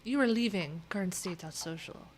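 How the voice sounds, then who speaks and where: This livestream host, a woman who works as a web developer, speaks on the low side at a moderate pace, with slight background noise. She chats casually, reads things aloud, and wanders into wry, informal asides.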